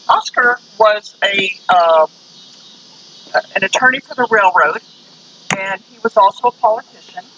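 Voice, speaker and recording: A man's voice: high voice, sharp tone. A man telling local stories to a tour group in a folksy, conversational, digressive way. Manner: folksy, digressive, acts out short quotes. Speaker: ghost tour guide. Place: outdoors on a noisy street. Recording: dull outdoor street recording with traffic noise.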